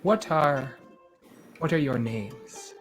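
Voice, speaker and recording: A man acts out a mysterious stallkeeper from a tabletop fantasy game. He is calm and solemn, choosing each word with care, at a middling pitch. Faint music plays underneath. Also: takes it slowly. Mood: welcoming, mysterious. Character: mysterious calm male mystic stallkeeper speaking from shadows.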